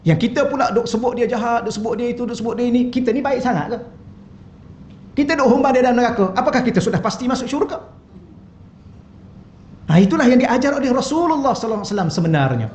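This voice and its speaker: A middle-aged Malaysian man with a Malay accent giving a lively religious lecture in a mosque hall, acting out quoted voices with humour. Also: very high-pitched, fast talker, pauses often, slight background noise. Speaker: religious teacher.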